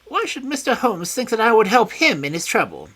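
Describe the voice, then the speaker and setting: In a probing mood, this reader takes on the role of a frail, small and petulant older man who erupts in imperious, peevish fits. The voice is high, shrill and screaming, sing-song, fairly quick and a bit bright.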